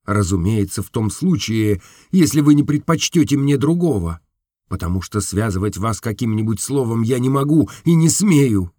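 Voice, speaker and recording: Brief: male reader playing a poor earnest young man, measured and gentle, dry close voice. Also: mid-range voice, expressive, no echo, pitched below the performer's own voice, lightly acted. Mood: solemn. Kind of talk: audiobook reading.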